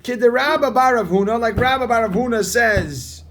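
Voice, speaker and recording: High-voiced man drilling a Talmud class. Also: normal speed, slight background noise. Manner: repeats key phrases over and over, drilling the point; energetic and emphatic, calling on students. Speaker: Talmud teacher. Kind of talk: Talmud class reading and explaining text.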